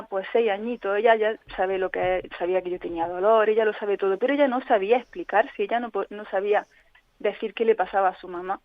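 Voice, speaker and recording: A woman speaks as a radio interview guest, recounting her own experience in an earnest, reflective tone. Her voice sits at a middling pitch. It comes through a tinny, phone-like line with a dry sound and no room echo. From Spain. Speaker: interview guest, patient advocate. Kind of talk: personal account in a radio interview.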